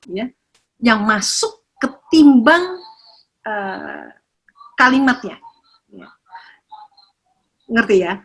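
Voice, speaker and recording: Older lady doing a parenting talk, kinda husky voice, animated, keeps asking the crowd stuff. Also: fairly high pitch. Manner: animated, teasing, asks audience questions. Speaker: parenting speaker.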